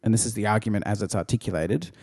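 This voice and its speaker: A man's voice: fairly low pitch, racing, a little mellow, no echo, clean studio sound. A man co-hosting a casual podcast, joking and swearing freely. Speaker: podcast co-host. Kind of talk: casual chat.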